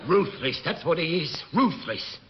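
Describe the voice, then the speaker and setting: An actor playing a put-upon, mock-respectful navy chief who makes dry wisecracks in a radio sitcom. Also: male voice, on the high side, animated, unhurried. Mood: sardonic. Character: sardonic male naval chief petty officer, mock-deferential. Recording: very noisy dull old radio recording.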